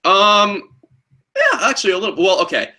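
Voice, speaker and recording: Bright-voiced man chatting easily. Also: sits high, normal speed, a little hiss or hum. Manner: relaxed, lots of fillers. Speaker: show creator and voice actor. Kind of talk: casual podcast chat.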